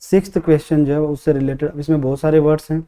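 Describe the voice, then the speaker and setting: A man teaching an exam-prep lesson with a very dark, mellow tone that sits a little high for a male voice. He walks through each answer patiently and repeats words so students catch them. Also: little pitch movement, fast. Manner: explains step by step, repeats words for emphasis. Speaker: English teacher. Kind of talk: classroom lesson explaining a test paper.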